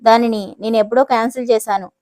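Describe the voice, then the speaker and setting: Brief: woman reading icy rich young man, calm and dismissive, slightly high, dry. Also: fast, no echo, lightly acted. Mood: cold, controlled. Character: cold, menacing rich young businessman.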